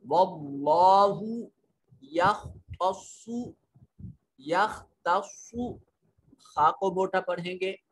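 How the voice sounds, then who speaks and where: A man with a Pakistani Urdu accent teaches a recorded Quran lesson, patiently explaining tajweed rules and reciting verses slowly. His voice is a little high and a bit bright, with a little hiss or hum in the audio.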